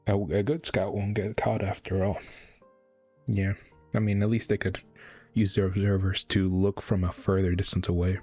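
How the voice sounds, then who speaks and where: A man's voice: deep voice, flat delivery, normal speed, darkish tone, slightly rough, dull audio, soft background music. A man casually reacting live to a webcomic, reading panels aloud and rambling with lots of fillers and restarts.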